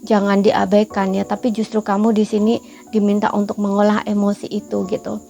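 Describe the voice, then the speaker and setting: Chatty woman with a gravelly low tone. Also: monotone, fairly quick, dark tone, lo-fi sound. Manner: chatty, reassuring, many fillers. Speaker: tarot reader. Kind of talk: casual spoken tarot reading.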